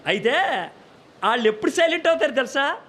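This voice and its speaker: A man's voice: extremely high pitch, expressive, fast talker, bright, forceful tone, a little hiss or hum. A man preaching a sermon in speech, often putting questions to the audience and answering them himself. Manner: acts out short voices for a story with humor.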